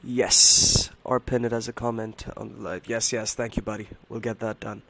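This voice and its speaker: A man hosting a trading livestream, talking casually and haltingly to his viewers in a hoarse voice that sounds unwell. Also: fairly low pitch, flat delivery, a little hiss or hum, rough recording. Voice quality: hoarse, strained voice. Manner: halting, repeats himself, addresses viewers as buddy and man. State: unwell, voice not as usual. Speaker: live trading stream host.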